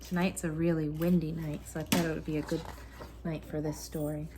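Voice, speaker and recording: A woman in her thirties, a mother, reads a children's picture book aloud at bedtime in a room at home, dramatizing the sound words. Her voice sits low with little pitch movement and a fairly quick pace, and the home recording picks up a noisy room.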